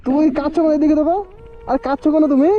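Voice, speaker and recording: A man hosting a vlog, chatting outdoors by the road from his bike, coaxing gently and repeating himself. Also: very high voice, fairly even intonation, very fast. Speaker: vlog host. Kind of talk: casual roadside chat. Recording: dull lo-fi audio with music behind.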